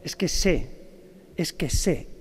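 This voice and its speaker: A man speaking as a weeping Jesus, tender and grieving, in a soft, subdued voice that sits fairly high for a man. The words ring out with a long cathedral reverb. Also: very animated, takes it slowly, a little hiss or hum. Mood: sorrowful. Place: large cathedral.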